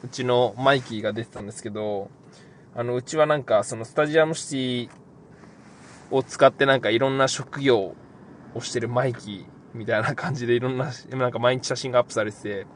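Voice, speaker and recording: A young man talks through listener questions on a casual podcast, loose and rambling, filling pauses as he thinks. His voice sits at an ordinary pitch. Faint background noise runs underneath. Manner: relaxed, rambling, many fillers. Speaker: podcast host, pro basketball player.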